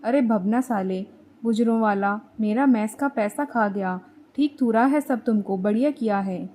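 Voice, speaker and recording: A woman voicing a brash, quick-tempered young male student friend who talks in rough, teasing slang. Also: mid-range voice, dark tone, slight background noise, natural voice. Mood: indignant.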